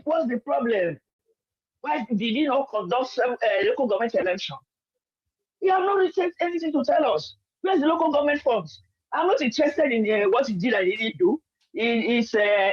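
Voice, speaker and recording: An older woman with a Nigerian accent phones in for a heated political argument, pushing her point, repeating it, and cutting across the host. Her voice sits high and sounds husky, carried on a muffled low-fidelity line.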